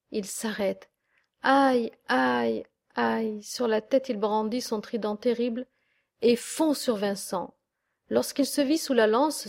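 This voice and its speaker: Female audiobook narrator, slow measured delivery, mid-pitched. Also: darkish tone. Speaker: audiobook reader. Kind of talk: scripted narration of a classic verse tale.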